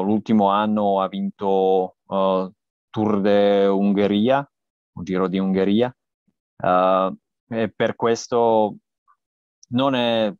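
A man with a Slovak accent answers interview questions very slowly, haltingly searching for words in a language that is not his own. His voice is low and smooth, heard through dull video-call audio. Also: darkish tone, no room sound. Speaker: guest cycling journalist and podcaster. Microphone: earphone headset on a video call.

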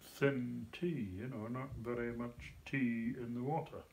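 An elderly man from North East Scotland with a broad Scots Doric accent, explaining things in a measured way in casual chat at home. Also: medium pitch, fairly even intonation, creaky, a little mellow. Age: 70s or older. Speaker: grandfather. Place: living room at home, seated in an armchair. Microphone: phone camera a short way off.

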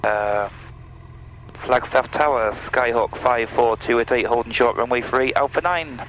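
A male pilot with a mid-range voice makes radio calls and mutters through flight checks. He is heard in a small aircraft cockpit, with clear engine noise behind him. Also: medium pitch, steady tone, unhurried, fairly bright tone, poor audio. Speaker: private pilot. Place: small propeller plane cockpit.

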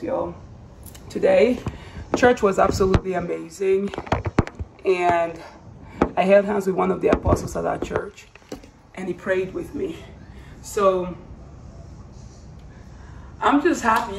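Hoarse, creaky woman with voice giving out. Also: mid-range voice, a little mellow. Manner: earnest, rambling, repeats phrases for emphasis. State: hoarse, losing her voice. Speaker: vlogger. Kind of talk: casual personal testimony vlog. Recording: roomy, distant mic, faint background noise.

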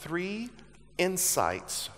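A man giving a motivational seminar in short, deliberate phrases, pausing for an interpreter. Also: high voice, huge pitch swings, fairly bright tone. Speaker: seminar speaker. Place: large church auditorium with audience. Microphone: headset. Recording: hall reverb over headset mic.

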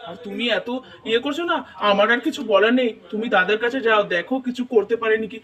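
A performer voicing a calm brother-in-law who soothes and persuades the family in a doll puppet show. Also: mid-range voice, fast talker, distant mic, lightly acted. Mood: weary. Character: calm, mediating brother-in-law, middle-aged man.

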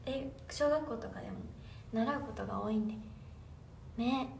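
A woman's voice: fairly high pitch, normal speed, creaky, a little mellow, distant mic. A young woman idol chatting casually on a livestream, reading fan comments aloud and answering them with giggles. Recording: roomy echo, off-mic, faint room noise.

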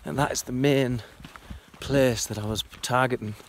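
Casual, self-deprecating male hiker talking to a handheld camera outdoors, mid-pitched, faint ambient noise. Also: fairly even intonation, moderate pace. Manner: chatty, self-deprecating, rambling. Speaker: trekking vlogger. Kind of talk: casual vlog narration while hiking. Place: outdoors on a mountain trail.

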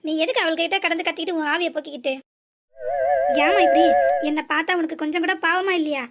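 A teasing middle-aged father-in-law in a village cartoon comedy, with a southern Tamil accent. He mocks and needles quickly. His voice is pitched very high and delivered fast. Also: steady tone, a bit bright, soft background music. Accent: southern Tamil, Tirunelveli area.

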